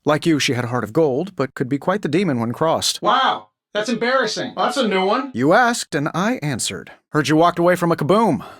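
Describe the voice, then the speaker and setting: A cocky American superhero inventor for a video game. His voice sits a little high and swings freely in pitch, recorded close and dry. He tosses out glib, sardonic quips like someone used to being the smartest in the fight. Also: very animated, a bit bright, no room sound. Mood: wry, quippy. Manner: sardonic, glib, fast-witted banter. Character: cocky, wisecracking superhero genius inventor, adult man. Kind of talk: video game voice acting, quippy dialogue.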